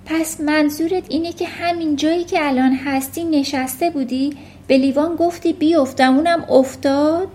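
A woman doing a gentle, kind teacher. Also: high voice, steady tone, pitched above the performer's own voice, natural voice. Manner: gentle, patient.

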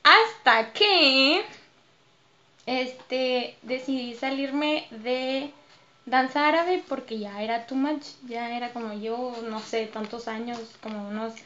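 A woman with a Mexican accent, a dancer and choreographer, telling stories as a podcast guest in a lively way, laughing often. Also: high-pitched, slow, muffled recording, a little hiss or hum. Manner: lively, laughs often, acts out her own past remarks. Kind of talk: casual interview storytelling.

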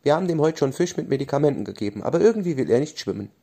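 A man's voice: fairly high pitch, lively intonation, very fast, dark tone, husky, voice pushed up. A man voicing a matter-of-fact male zookeeper in a bedtime story.

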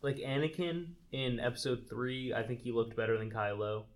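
A man's voice: medium pitch, normal speed. Hesitant young man, casual podcast talk. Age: young adult. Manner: hesitant, many fillers and likes. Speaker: podcast co-host. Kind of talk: casual chat.

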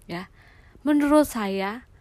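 A young adult woman giving a casual, earnest devotional talk, sometimes sinking to a soft near-whisper. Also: on the high side, lively intonation, slow pace, dry recording. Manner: warm, earnest, drops to soft near-whispers on heartfelt lines. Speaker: devotional speaker.

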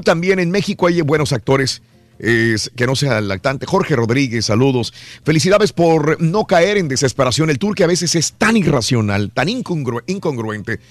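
A man's voice: on the high side, no echo. A man hosting a morning radio show, joking with his co-hosts and reading listener messages. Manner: joking, quick back-and-forth.

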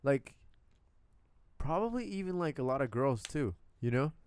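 Speaking at a medium pitch and moderate pace, this young man from Puerto Rico co-hosts a podcast and chats casually. He recounts stories bluntly and with plenty of swearing, animating them with quoted asides, and the sound is clean with no echo.

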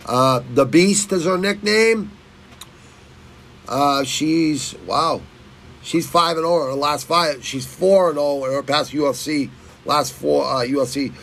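In a rough recording with slight hiss or hum, a middle-aged Massachusetts man talks through fight bets at a measured pace. His voice is fairly high and bright as he rambles, swears, and stumbles on the fighters' names for his picks channel.

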